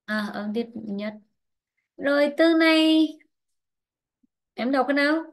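A woman's voice: high-pitched, slow. A woman English teacher running an online class, quizzing students by name and explaining grammar rules patiently.

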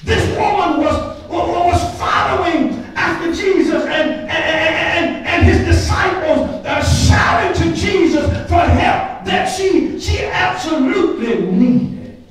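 A man preaching from the pulpit, his voice very high and his delivery slow and deliberate. He repeats words as he builds up and breaks into shouts. The sound is picked up from far back in a very echoey sanctuary, with faint organ and the congregation behind him. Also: some chatter behind. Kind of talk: sermon. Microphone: pulpit mic, camera at the back of the room.

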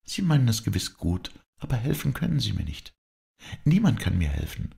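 A man with a deep voice voicing a tender, sorrowful young woman in an audiobook, speaking softly and pleadingly. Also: sing-song, moderate pace, creaky, full character voice. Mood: despairing.

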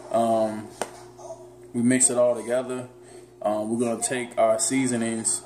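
Cooking dinner at home with his daughter, this thirties-aged fitness vlogger teases and addresses his audience directly in a relaxed demo. He speaks at a measured pace in a medium pitch that barely moves, over soft background music. The counter-mounted camera mic captures heavy kitchen echo and loud noise.

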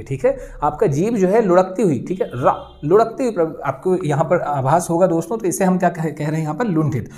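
A woman's voice: fairly low pitch, a little mellow. A woman teaching a Hindi grammar lesson for exam students, explaining step by step, checking in with "ठीक है" and sounding out the letters. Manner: explains step by step, often adds "ठीक है" and "दोस्तों", says sounds aloud.

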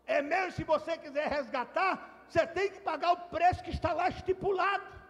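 A man doing a cold, unyielding shopkeeper with a high voice and a flat, firm delivery. He, and the sound carries a long echo from a hall. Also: moderate pace, muffled recording. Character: cold, stern male shopkeeper.

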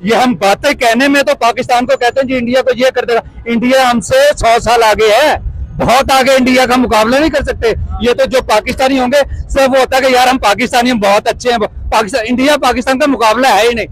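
A man's voice: extremely high pitch, fairly even intonation, brisk, pauses often, low-quality recording. A man from Afghanistan answering a street interview, emphatic and argumentative. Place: busy city street at night.

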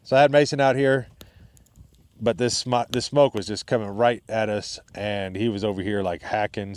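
A man's voice: fairly low pitch, a little mellow, no echo. A man chatting casually to viewers as a vlogger, in an informal, rambling and appreciative way. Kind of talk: casual chat to camera.

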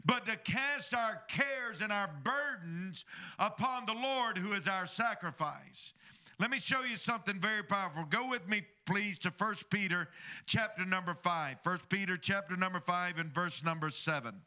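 A middle-aged pastor preaches a sermon from a church stage into a handheld microphone, calling on the congregation for amens in call-and-response asides. His high voice is bright and forceful at a normal speed.

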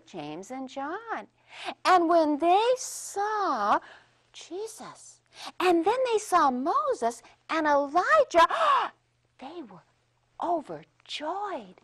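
A woman telling a Bible story to children, animated and expressive, speaking straight to the kids. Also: high voice.

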